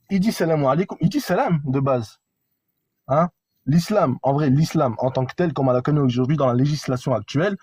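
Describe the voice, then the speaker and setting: Mellow husky man explaining his view. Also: medium pitch, no echo. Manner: explains patiently, tags points with "hein" and "ok". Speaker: debate caller. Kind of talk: live online religious debate.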